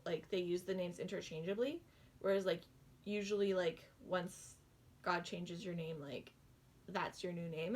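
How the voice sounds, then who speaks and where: A woman's voice: mid-range voice, a little mellow. A young woman reading the Bible aloud with rambling, giggly asides and stumbles on hard names. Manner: rambling, giggly asides full of likes and ums.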